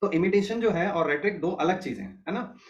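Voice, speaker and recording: A man lectures an online class in a fairly high voice. He builds each idea step by step and keeps pausing to ask whether his students follow. A faint hiss sits under the recording. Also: expressive, dull audio. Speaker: teacher.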